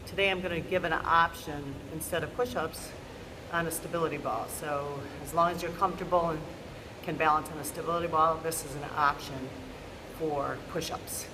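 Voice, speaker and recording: A woman's voice: low-pitched, fairly even intonation, normal speed. A middle-aged woman talking casually to camera as the host of a fitness challenge, giving simple instructions in a large gym. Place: large indoor gym studio. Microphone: camera a short distance away. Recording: noisy, large gym room ambience.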